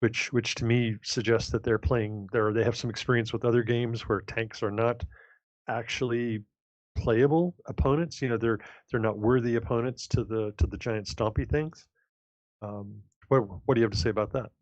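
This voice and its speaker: A man's voice: mid-range voice, fairly even intonation, normal speed, no echo. A man co-hosting a casual live stream, easygoing, with short interjections and dry jokes. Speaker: co-host. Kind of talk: casual livestream chat. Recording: dull, lo-fi dry remote mic.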